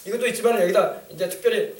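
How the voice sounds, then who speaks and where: A man's voice: sits high, quick pace. A male pastor preaching a sermon, emphatic and repetitive, urging his congregation to pray. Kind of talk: sermon with call-and-response. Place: church sanctuary. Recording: echoey room, mic at a distance.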